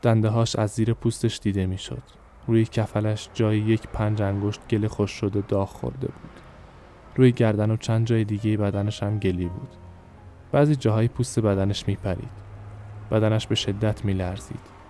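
A man narrating a short story in a measured, descriptive way. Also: lowish voice, fairly even intonation, dark tone, a little hiss or hum.

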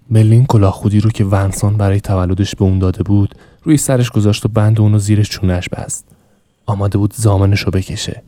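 Low, mellow male audiobook narrator. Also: no room sound. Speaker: podcast narrator. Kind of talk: scripted narration of a novel.

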